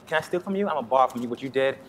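An actor playing a nervous, theatrical man in a police lineup who stammers and pleads, then breaks into loud, hammy line readings. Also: medium pitch, animated, rapid-fire, in a large hall, very noisy, lightly acted. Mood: flustered. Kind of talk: comedy sketch acting.

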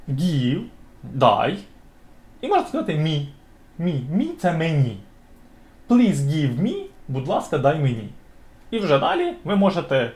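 A man from Ukraine gives a casual video lesson, and his voice sits a little high. He leaps up to hit each key word and then drops back to explain it. The room is echoey. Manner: lively, repeats words slowly and stresses them. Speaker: English teacher for older relatives.

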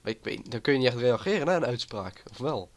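A man with a cold talks through his gameplay in a loose, rambling way. He chats on at an ordinary pitch, jumping from one thought to the next. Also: animated, fairly quick, vocal fry. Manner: rambling and chatty. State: has a cold. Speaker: gaming YouTuber. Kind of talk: casual gameplay commentary.

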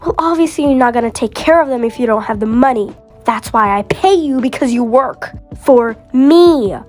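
A woman's voice: a little high, lively intonation, normal speed, a little mellow, faint music behind, lightly acted. A girl voicing a rude, bossy rich businessman in a toy-game role-play, scolding and impatient.

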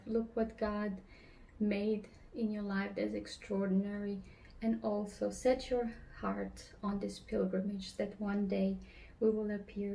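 A woman in her thirties from Romania, telling her personal faith story in an earnest, slightly halting way, seated at a table at home. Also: mid-range voice, gravelly, dark tone, poor audio. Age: 30s. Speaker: church member giving testimony. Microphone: camera across the table.

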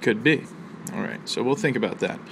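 A man teaching a college literature lesson, explaining a poem's rhythm and imagery in a measured way with fillers and pauses. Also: mid-range voice, expressive, noisy background. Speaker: college instructor. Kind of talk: recorded literature lecture. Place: outdoors near a library.

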